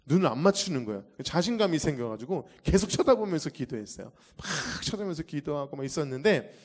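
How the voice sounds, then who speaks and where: A man giving an animated testimony to a church audience, acting out the scenes as he tells the story. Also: on the high side, quick pace. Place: church hall.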